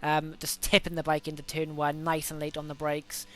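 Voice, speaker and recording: A young man from Wales, starting to come down with a cold, commentates casually on his racing game laps for a gaming video, chatty and self-correcting with lots of fillers. He talks at normal speed in a fairly high voice, and his delivery is completely flat.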